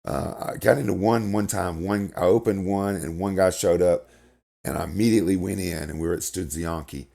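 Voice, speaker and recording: This middle-aged man's voice is low-pitched, warm, steady and crackly with a gravelly edge, moving at a moderate pace. He hosts gaming videos from a home room indoors, rambling casually, repeating himself, and swearing when something annoys him.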